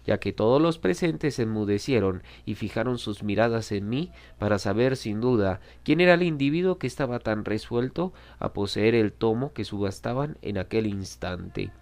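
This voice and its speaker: A man reading a classic novel aloud in a measured, dramatic storytelling manner. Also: fairly low pitch, lively intonation, a little mellow. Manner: measured, dramatic reading, voicing quoted lines. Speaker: audiobook reader. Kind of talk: scripted narration of a classic novel.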